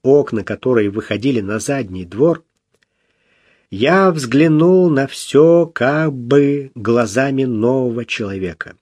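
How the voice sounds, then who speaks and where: A man reading a first-person story aloud in a measured, expressive way. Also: mid-range voice, slightly rough, no echo, studio quality. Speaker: audiobook narrator.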